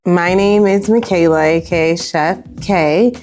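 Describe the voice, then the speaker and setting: A woman from upstate New York, playful and expressive, chatting as a cooking contestant. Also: fairly low pitch, unhurried, music in the background. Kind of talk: casual food-tasting chat.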